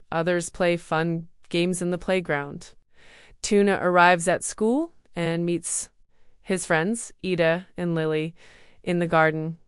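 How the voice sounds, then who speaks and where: A woman reading a children's storybook aloud for English learners, slow, even and clearly spoken. Her voice is a little low, very clean and crisp, with no room echo at all. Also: clean studio sound. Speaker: storybook narrator.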